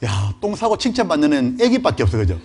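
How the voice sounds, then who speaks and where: A middle-aged male pastor giving a lively, conversational sermon and often putting questions to his congregation. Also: fairly high pitch, quick pace, slightly rough.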